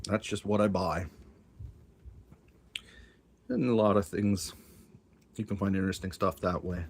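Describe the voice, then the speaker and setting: Man, low-pitched, casual aside-heavy chatter around a cough drop; faint fan hum. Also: a little mellow. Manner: muttering, musing aloud with many asides. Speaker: collector showing his tapes. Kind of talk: casual offhand commentary. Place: room at home with a fan running. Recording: faint fan noise behind.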